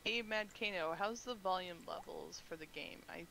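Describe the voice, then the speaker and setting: A woman's voice: fairly low pitch, normal speed, gravelly, a little hiss or hum, low-quality recording. A woman talking casually while she plays a co-op game. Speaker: co-op game streamer. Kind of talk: casual gameplay chat. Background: soft game music.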